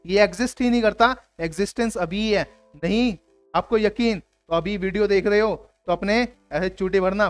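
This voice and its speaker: A man with a high, light voice gives a reflective spiritual explanation straight to his viewers. He talks earnestly, keeps checking that they are following, and slips English phrases into his talk. The sound is close and dry, with faint music underneath. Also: no room sound. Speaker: video creator explaining spiritual ideas.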